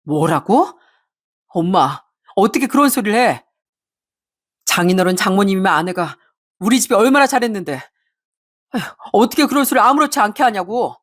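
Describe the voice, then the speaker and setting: A woman voicing an angry husband who shouts bitterly at his family. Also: mid-range voice, expressive, normal speed, long pauses, natural voice. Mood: shocked. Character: furious, fed-up younger husband.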